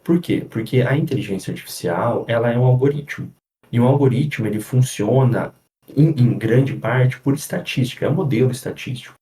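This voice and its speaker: A psychologist explaining things in a casual podcast chat, often pausing on fillers and restarting his sentences. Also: mid-range voice, warm tone. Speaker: psychologist guest. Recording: echoey room.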